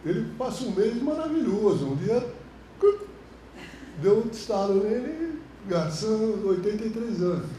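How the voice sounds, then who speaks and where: Man, Brazilian Portuguese accent, film director lecturing, high lively voice, mellow tone, casual slang, roomy classroom echo. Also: unhurried, a little hiss or hum. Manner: animated, colloquial storytelling, frequent slang. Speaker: film director teaching a course. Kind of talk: lecture with anecdotes. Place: university classroom.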